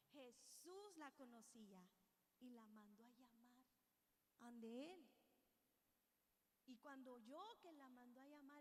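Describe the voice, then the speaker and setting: A woman's voice: high-pitched, fairly bright tone, long reverb tail. A woman preacher reading scripture and giving an earnest, reflective sermon to her congregation. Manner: reflective, earnest, addresses listeners as brothers and sisters.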